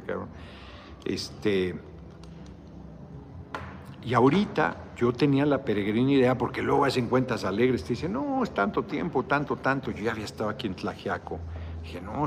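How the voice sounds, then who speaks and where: Middle-aged Mexican man, worn out, gravelly voice, loose and salty livestream chatter, faint room noise. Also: fairly low pitch. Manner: rambling, salty slang, reads viewer comments aloud. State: tired. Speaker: politician hosting a live video chat. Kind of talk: casual livestream chat with viewers.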